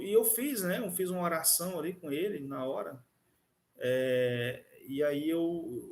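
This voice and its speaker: A man's voice: high-pitched, a little mellow. A man teaching an online class, talking conversationally with frequent restarts. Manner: conversational, many fillers and restarts. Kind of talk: online class lecture with a personal story.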